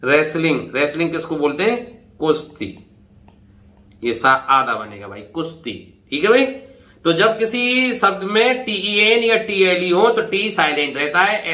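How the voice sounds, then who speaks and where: Slow, high-voiced older teacher, echoey room. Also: male voice, sharp tone. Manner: spells words letter by letter and repeats them slowly, calls listeners "bhai". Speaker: English teacher. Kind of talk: classroom-style pronunciation lesson.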